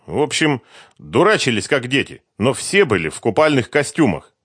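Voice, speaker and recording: A man voicing an agitated young man who gives a halting, defensive confession. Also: mid-range voice, very animated, a bit bright, husky, no room sound, studio quality. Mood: confessing.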